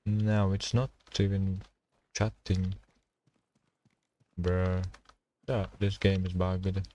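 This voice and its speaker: A man streaming a survival game, talking to himself and his chat in halting, while he plays. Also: low-pitched, level tone, mellow. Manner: halting non-native English, thinking aloud while playing. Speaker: gaming streamer. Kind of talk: casual gameplay commentary.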